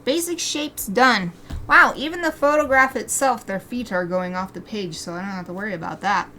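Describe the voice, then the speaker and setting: An American woman streams herself drawing live, chatting, giggling to herself, and reading viewer comments out loud. Her voice is medium in pitch and bright with a forceful edge, at a normal speed, and there's a faint hiss or hum in the background.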